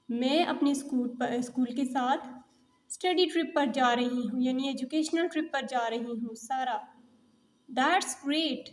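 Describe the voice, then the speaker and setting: Slow, high-voiced woman teacher. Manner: explains in Hindi, reads English lines slowly. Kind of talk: explaining a textbook lesson.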